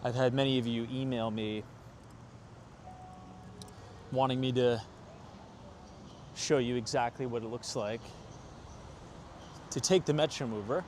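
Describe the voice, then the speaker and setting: A tour vlogger walks through a city and onto a train platform, chatting casually to his viewers with city and train noise behind him. His medium-pitched voice is fairly even and darkish, unhurried, with long pauses.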